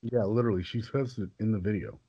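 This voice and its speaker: A man's voice: lowish voice, quick pace, dark tone, breathy edge, dull audio. A man co-hosting a casual podcast, talking emphatically and animatedly. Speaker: podcast co-host.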